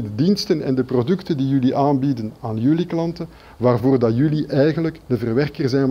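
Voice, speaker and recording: A middle-aged man with a Flemish accent giving a presentation, explaining step by step with gestures and pausing to search for words. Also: medium pitch, mellow, slightly rough, lo-fi sound. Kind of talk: business presentation. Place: conference room.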